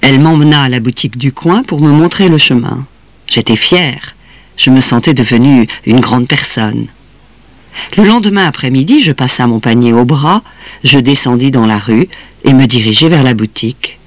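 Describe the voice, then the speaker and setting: A man with a mid-range voice tells a story aloud, measured and expressive. The sound is dry and close, without any echo. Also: medium pitch. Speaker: reader.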